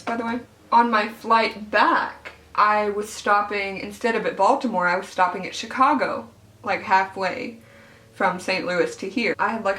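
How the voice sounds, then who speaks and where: A woman's voice: medium pitch, fairly bright tone. American woman, casual beauty vlogger, talking with whitening trays in mouth, candid, informal, echoey room, distant mic. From Arkansas, southern United States. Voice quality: speech slightly altered by teeth whitening trays in mouth. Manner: candid, informal, swearing, self-deprecating. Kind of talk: casual chatty get-ready-with-me vlog.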